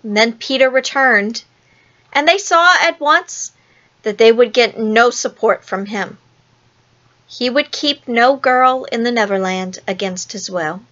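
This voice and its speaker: Slow, expressive woman reading a storybook. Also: fairly high pitch, dull audio. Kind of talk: storybook reading in first person.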